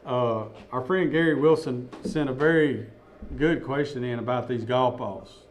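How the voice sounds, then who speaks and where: A man's voice: mid-range voice, moderate pace, a little hiss or hum. A man hosting a live radio auction, reading out bids in a folksy, chuckling way.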